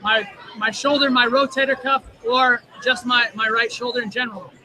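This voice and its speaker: During a casual interview at a live wrestling event, a young injured wrestler in his twenties talks plainly, earnest and confident. His very high voice sounds pushed and bright, with fairly even intonation at normal speed, while the crowd is heard in the low-quality recording.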